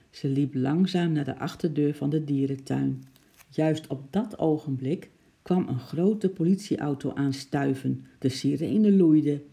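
A man reading a children's story aloud, lively and acting out the noises. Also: a little high. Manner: lively, acts out sound effects.

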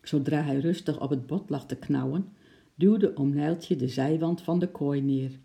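Gravelly, dark storybook narrator. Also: medium pitch, a little slow. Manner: steady, expressive reading. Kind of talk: children's storybook reading.

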